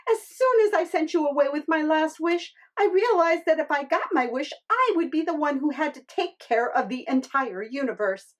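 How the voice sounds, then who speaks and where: A woman's voice: sits high, expressive, normal speed, few pauses. A woman voicing a bossy, discontented fisherman's wife in a storybook tale, with a dramatic, exclaiming delivery. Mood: relieved, earnest. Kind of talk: storybook character acting.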